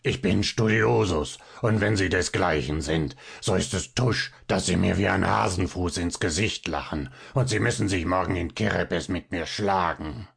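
A man voicing a tiny, misshapen, hot-tempered young male student with a rough, deeply hoarse voice and a defiant manner. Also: normal speed, few pauses, exaggerated voice. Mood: enraged. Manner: defiant, prickly.

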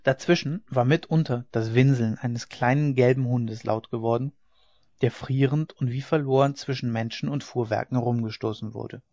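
A man narrating a literary audiobook in a measured, dramatic storytelling manner. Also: mid-range voice, steady tone, darkish tone, dry recording. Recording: slightly dull lo-fi recording.

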